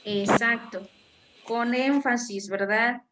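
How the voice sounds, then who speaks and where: Woman teacher talking her class through a lesson, kinda high voice, patient, asks lots of questions. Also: takes it slowly, fairly bright tone. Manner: patient, questioning, searches for words.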